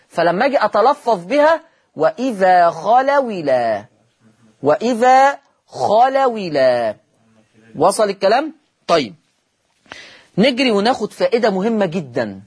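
This is an Egyptian man giving a televised lesson on Quran reading, and his voice has a husky edge. He keeps asking his class questions and answering them himself. He draws out the example words slowly as he recites them. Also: high-pitched. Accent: Egyptian Arabic.

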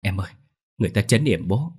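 A frightened grown son speaks in a trembling, stammering voice, voiced by a male narrator. The tone is low and husky, halting and shaken in a spoken horror story. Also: animated, a little mellow. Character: frightened grown son haunted by dead father.

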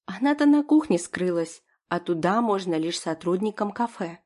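A woman narrating a first-person audiobook with an expressive, emotional reading. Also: lowish voice, moderate pace.

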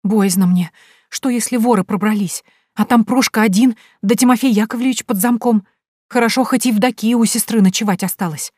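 A woman's voice: on the high side, a little fast, a little mellow, slightly rough, no room sound, studio quality, voice pushed up. Woman doing a frightened young maid. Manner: frightened whisper.

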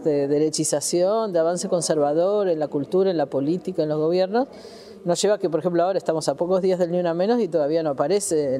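A woman with an Argentine accent speaking earnestly as an activist guest in a radio interview, measured and often pausing on "eh". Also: low voice, dark tone. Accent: Argentine Spanish. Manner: measured, earnest, frequent "eh" fillers.

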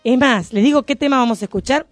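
A woman's voice: sits high, no echo. A woman radio host with a Rioplatense accent, bantering playfully and teasing on air. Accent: Rioplatense Spanish. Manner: teasing, playful, quick to joke. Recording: dry studio with faint music.

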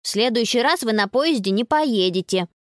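A woman's voice: fairly high pitch, expressive, moderate pace, dry recording, studio quality, lightly acted. A woman voicing a hungry, grumpy little boy in a storybook reading, in a blunt, sulky way.

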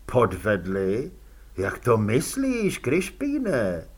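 A man reading an audiobook, voicing a calm male police commander who talks slowly with quiet, probing irony. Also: mid-range voice, breathy edge. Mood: puzzled. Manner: slow, quietly ironic, probing.

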